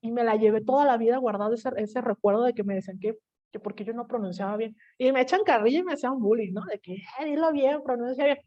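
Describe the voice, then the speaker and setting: Mexican woman, teacher, lively storytelling, fairly high voice, lo-fi online audio. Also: fast. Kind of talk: online class lecture with personal story.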